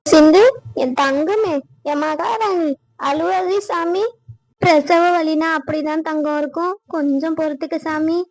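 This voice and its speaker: A woman's voice: sits high, fairly even intonation, measured pace. A woman doing a firm, comforting old aunt. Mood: soothing. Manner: soothing, firm, bossy. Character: older aunt, steady and comforting.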